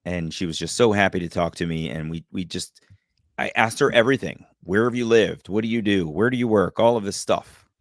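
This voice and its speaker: Animated man telling a story. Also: sits low, brisk, no echo, clean studio sound. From United States. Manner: animated, acts out quoted voices. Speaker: podcast guest. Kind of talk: storytelling in a casual interview.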